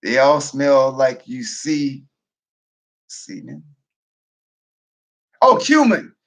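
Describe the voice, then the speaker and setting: Animated, loud-talking man on a profane rant. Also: mid-range voice, extremely slow. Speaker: military veteran. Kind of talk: casual profane monologue.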